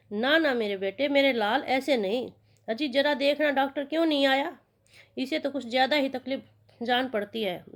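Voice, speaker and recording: Woman teacher, fairly high voice, reads a textbook play aloud and then explains it plainly. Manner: reads lines aloud then retells them in simple words.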